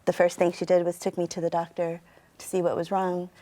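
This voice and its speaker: Low-voiced woman with a standard American accent. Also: completely flat delivery, brisk, warm tone. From United States. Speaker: interview guest, turntablist and sound artist. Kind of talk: conversational interview answers.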